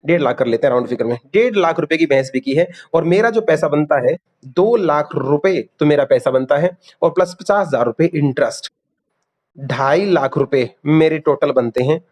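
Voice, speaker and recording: With a darkish tone and fairly high pitch, the male teacher in this online lecture refers to his students as "beta," drilling essential terms and pressing them for quick answers.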